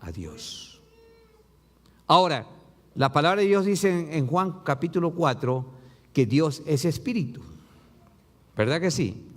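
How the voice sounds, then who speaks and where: Male pastor preaching, swooping expressive pitch, rhetorical questions, reverberant church hall. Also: a little slow, long pauses. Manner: preacher quoting scripture with rising emphatic lines and dropping low endings; asks the congregation rhetorical questions. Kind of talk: sermon.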